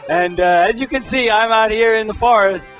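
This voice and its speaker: Bumbling lumberjack sidekick played by a man: fairly high male voice, folksy, hesitant, naive and eager, comedy show with music behind. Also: fairly quick, fairly bright tone, low-quality recording. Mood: naive, cheerful. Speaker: comic sidekick. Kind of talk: comic sketch acting.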